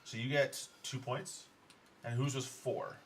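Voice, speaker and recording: A man's voice: mid-range voice, steady tone, a little slow, a bit bright. A man explaining the rules and counting up points during a board game with friends. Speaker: player explaining the scoring. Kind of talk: casual chat over a board game. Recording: distant mic, faint room noise.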